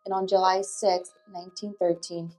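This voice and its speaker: A woman investigating the paranormal for a vlog, politely and gently putting questions to spirits. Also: lowish voice, little pitch movement, normal speed, faint music behind, low-quality recording.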